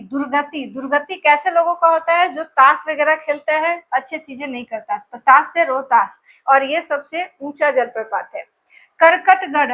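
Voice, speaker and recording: A woman's voice: high voice, a bit bright. A woman teacher giving an exam-prep lesson, drilling place names with memory tricks and repeating each answer over and over.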